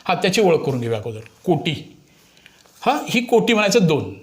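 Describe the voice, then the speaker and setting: A man's voice: a little high, sing-song, moderate pace. A man teaching maths step by step, explaining to children and coaxing them with frequent check questions.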